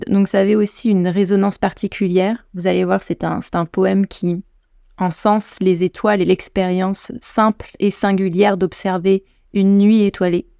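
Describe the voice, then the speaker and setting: A woman's voice: mid-range voice, vocal fry, warm tone, dry recording, studio quality. A woman from France hosting a podcast, talking in a casual, enthusiastic way and speaking straight to her listeners. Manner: enthusiastic, addresses listeners directly. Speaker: podcast host. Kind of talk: casual spoken podcast talk.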